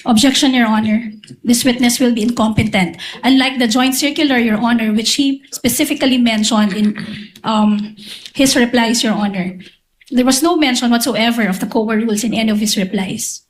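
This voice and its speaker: A woman's voice: fairly high pitch, steady tone, moderate pace, low-quality recording. A woman with a Filipino accent arguing formally as a defense lawyer, insistently raising objections and restating her points. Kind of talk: formal legal argument.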